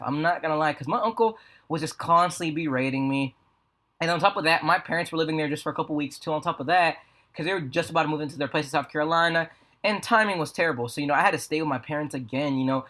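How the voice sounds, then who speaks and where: A young American man with a slightly high voice talks at a rapid clip. He rambles through a casual vlog story, full of slang and profanity. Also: expressive, bright, forceful tone. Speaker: video creator. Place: apartment room with a fan running. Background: fan hum.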